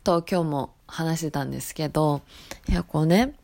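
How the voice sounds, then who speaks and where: A woman with a Hiroshima accent talks through her voice blog in a loose, friendly way. Her voice sits a little low for a woman, and her dialect colours her speech more as she relaxes. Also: moderate pace, creaky, a little mellow. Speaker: shop sales staff hosting a voice blog. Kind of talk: casual spoken voice blog.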